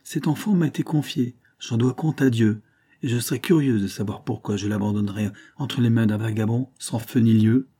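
A man's voice: mid-range voice, moderate pace, warm tone, slightly rough, lightly acted. A man voicing a sour, pious old spinster woman who answers sharply and defensively.

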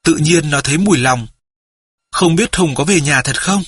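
A man narrating a children's story audiobook in a steady storytelling manner. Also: a little high, normal speed, slightly rough, no echo, clean studio sound.

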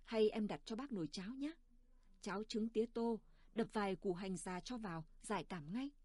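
A woman's voice: mid-range voice, moderate pace, darkish tone, no room sound, lightly acted. A woman doing a fussing village neighbor. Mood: worried, fussing.

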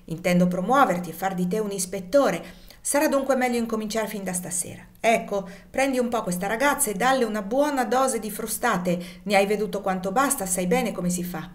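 A woman's voice: mid-range voice, brisk, natural voice. Legree, a brutal plantation master, as a woman puts him on. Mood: furious. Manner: harsh, shouting, scornful. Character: cruel brutal male plantation master, middle-aged.

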